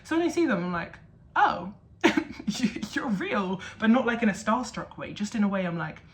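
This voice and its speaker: A woman's voice: medium pitch, very animated, quick pace. A young woman chatting casually to camera in a vlog, with lots of filler words. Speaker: vlogger.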